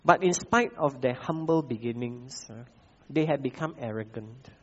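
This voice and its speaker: A male pastor with a Malaysian English accent delivers a sermon at a measured pace, leaning on repeated key phrases and filling pauses with "uh." His voice sits at a middle pitch, and the recording sounds slightly dull and muffled. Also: slightly rough.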